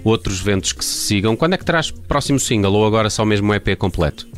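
A man with a European Portuguese accent hosting a conversational radio interview, haltingly repeating words. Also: on the low side, animated. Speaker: radio host. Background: background music.

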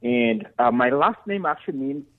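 A man's voice: mid-range voice, expressive, moderate pace. A man, a guest on a radio interview, answering earnestly with many fillers and restarts. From Uganda. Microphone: phone. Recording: tinny phone line.

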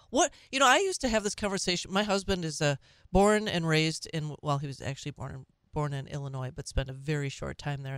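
A woman's voice: deep voice, no echo. A middle-aged woman with a Minnesota accent, chatting about politics as a talk radio host.

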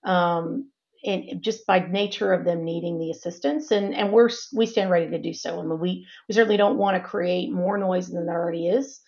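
A woman, a healthcare executive, giving measured interview answers with frequent restarts. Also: lowish voice, fairly even intonation, creaky, darkish tone, highs cut off.

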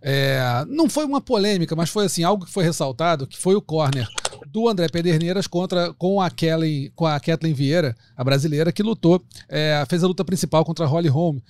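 A man's voice: on the high side, animated, brisk, darkish tone. A man with a Brazilian accent hosting an interview who hesitates and searches for his words. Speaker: interview host. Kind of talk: casual interview talk.

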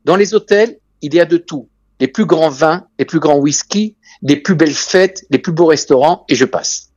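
A man's voice: fairly high pitch, normal speed, darkish tone, no room sound, lo-fi sound. A man with a foreign, Israeli accent in French tells travel anecdotes conversationally as an interview guest, emphatically repeating key phrases. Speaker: interview guest, real estate and tourism businessman.

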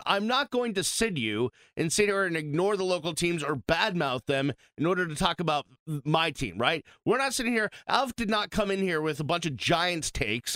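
A man's voice: sits high, dry recording, clean studio sound. A man from Boston co-hosting a sports radio show in a casual, emphatic way. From Boston, USA. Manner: animated, emphatic, quick asides. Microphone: studio microphone.

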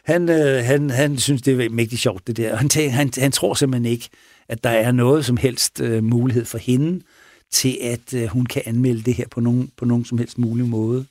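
A man who is a police officer, retelling a case in a casual interview, halting with pauses and restarts. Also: medium pitch, steady tone, a little mellow, no room sound, clean studio sound. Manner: halting, with many pauses and restarts, acts out quoted speech. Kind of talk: casual spoken storytelling in an interview.

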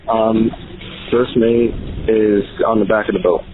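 A man calling emergency services over the phone from inside a boat cabin, speaking in a hushed, steady voice with brief replies. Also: on the low side, measured pace, soft background music. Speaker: 911 caller. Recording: tinny noisy phone line.

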